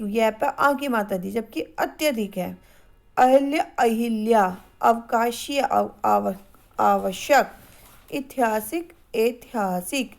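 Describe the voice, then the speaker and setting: A woman teaching a grammar lesson, reading words out slowly and saying each one twice. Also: a little high, gravelly. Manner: slow, careful, repeats each word twice.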